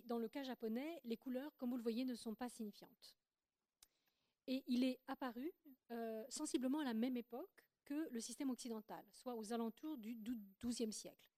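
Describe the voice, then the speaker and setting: A woman lecturing to an audience, her voice warm and mellow and set a little high for a woman. She explains things carefully, hesitating and restarting as she goes. The sound is dry and close, with no room echo. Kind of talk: academic lecture presentation.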